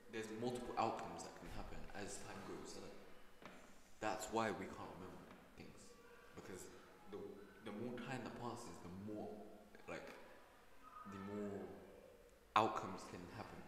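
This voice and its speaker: A man's voice: low-pitched, normal speed, noisy background. A teenage boy chatting casually as a student podcast co-host, rambling and playful, with frequent restarts. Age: teens. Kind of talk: casual chat. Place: school room. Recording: echoey room with long reverb.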